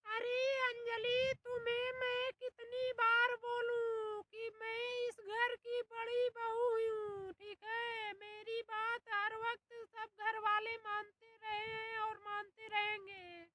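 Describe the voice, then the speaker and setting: A woman's voice: very high voice, little pitch movement, slow pace, few pauses, bright, forceful tone, no echo, recorded from a distance, exaggerated voice. A woman playing a bossy elder sister-in-law who scolds and calls names. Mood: scolding. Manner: scolding, name-calling.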